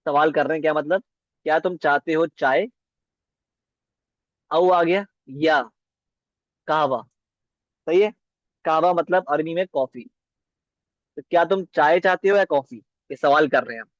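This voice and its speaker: A man whose voice runs on the high side leads a beginner Arabic class, slowly repeating words and checking on his students with "ठीक है?". The dry recording has a dull, lo-fi quality.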